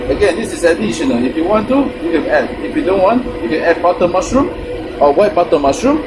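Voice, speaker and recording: A man with a slightly high voice talks fast and animatedly over heavy background noise in a small indoor room. He's a cooking show host running a casual recipe tutorial, chatty and simply phrased, with playful sing-song repeats.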